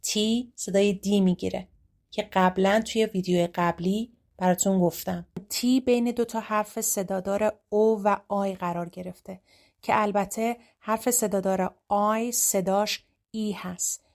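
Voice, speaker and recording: In a steady, mid-range voice with a darkish tone, a woman with a Persian accent teaches English grammar. She explains rapidly and reads the English examples slowly and clearly.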